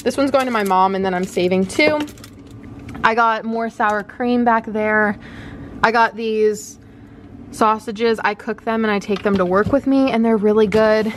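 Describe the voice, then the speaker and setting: A woman's voice: fairly high pitch, unhurried, a little hiss or hum. A woman in her twenties chatting casually in a home vlog, saying "like" and "um" a lot and laughing often, filmed in her kitchen. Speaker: vlogger. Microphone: phone camera.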